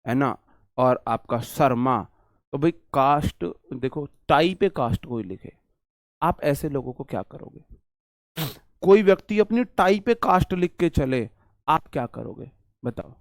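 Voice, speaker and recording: A man's voice: on the high side, dry recording, studio quality. A young man teaching English vocabulary in a casual classroom lecture, joking and repeating lines for emphasis.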